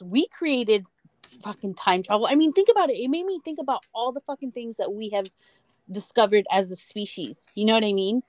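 Her voice fairly high and a little mellow, an American woman chats casually as a podcast co-host. She rambles, speaks with emphasis, and swears freely.

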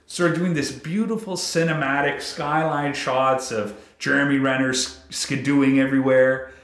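A man in his thirties co-hosts a casual movie podcast, profane and animated as he acts out scenes. His voice sits at an ordinary pitch. The room adds a noticeable echo. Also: moderate pace. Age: 30s. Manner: profane, animated storytelling with acted-out quotes. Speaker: podcast co-host. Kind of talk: casual movie-review chat. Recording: roomy echo.

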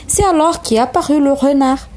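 A woman with Portuguese as her first language reading a storybook aloud in a halting way, correcting her slips. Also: sits high, darkish tone, a little hiss or hum. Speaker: reader.

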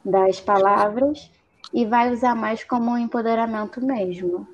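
A young woman with a Brazilian Portuguese accent, chatting earnestly and lively as a guest on a casual panel. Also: on the high side, muffled recording, a little hiss or hum. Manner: earnest, lively, drawn-out phrases.

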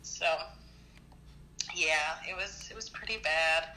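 A woman in her early twenties with a deep voice speaks slowly, in a pushed, bright tone, while chatting casually on the phone. She rambles with many "like"s and coughs now and then because she's recovering from an illness. The low-quality recording has a little hiss or hum.

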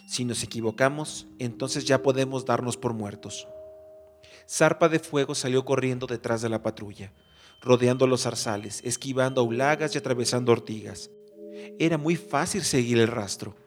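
A man reading an animal adventure novel aloud as narrator, in a measured, even manner. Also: mid-range voice. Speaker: audiobook narrator. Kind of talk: scripted storybook narration. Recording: background music bed.

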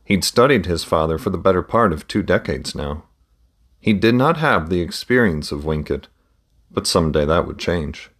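A man narrating a fantasy story aloud in a steady, measured reading. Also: sits low. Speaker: audiobook narrator.

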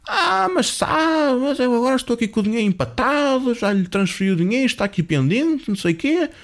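A man voicing a pushy male phone scammer, whining and pleading in a high voice, then turning threatening. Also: fast talker, a little mellow, lightly acted. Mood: whiny pleading.

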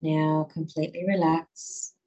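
A woman guiding a listener through muscle relaxation in a slow, soothing voice. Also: deep voice, level tone, warm tone. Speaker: relaxation guide. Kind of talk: guided relaxation.

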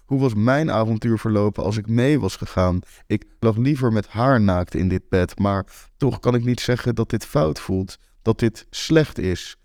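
A young man narrates a first-person story in a low voice with wry, deadpan timing. The recording is dry and close, with no room sound at all. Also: moderate pace, no echo. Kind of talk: audiobook story reading.

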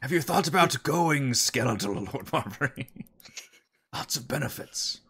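Guy doing a very old frail necromancer, slow n genteel, ghoulish tabletop character. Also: mid-range voice, expressive, fairly bright tone, slightly rough, exaggerated voice. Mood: sly persuasion. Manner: slow, genteel, morbid old-man delivery. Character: frail old undead male wizard, ghoulishly courteous necromancer. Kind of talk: tabletop role-play.

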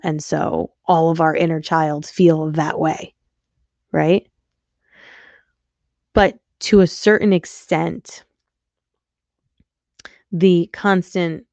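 A woman's voice: deep voice, creaky, darkish tone, no room sound, lo-fi sound. A young adult woman hosting a podcast as a coach, speaking frankly in a casual reflective monologue and swearing now and then. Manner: frank and candid, occasional swearing.

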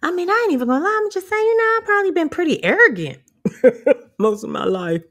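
A woman's voice: very high-pitched, sing-song, fast talker, fairly bright tone. A woman giving a motivational rant on her vlog. She is brash and profane and laughs often. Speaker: vlogger.

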